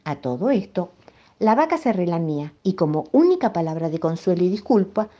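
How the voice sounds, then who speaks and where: A woman with a Rioplatense accent reading a children's story aloud in an expressive, playful manner. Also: lowish voice, brisk. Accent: Rioplatense Spanish. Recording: dull lo-fi recording.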